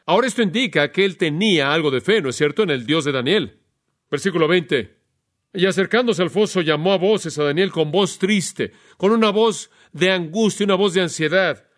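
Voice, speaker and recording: A man preaching an expository Bible sermon in a lively way, putting rhetorical questions to his listeners. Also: sits high, normal speed. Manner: animated, asks rhetorical questions.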